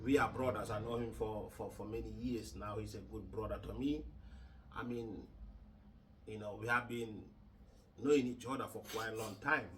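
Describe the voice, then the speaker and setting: A man from Gambia hosting a casual podcast chat, halting and repeating words with many fillers. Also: on the low side, fairly even intonation, a bit bright, recorded from a distance, a little hiss or hum, rough recording. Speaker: podcast host.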